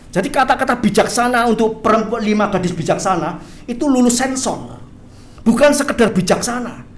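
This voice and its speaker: A pastor preaching an animated sermon, often tagging phrases with "ya". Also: medium pitch, a little hiss or hum. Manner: animated, tags phrases with "ya", acts out quoted voices. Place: church hall, livestreamed service. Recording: echoey church hall.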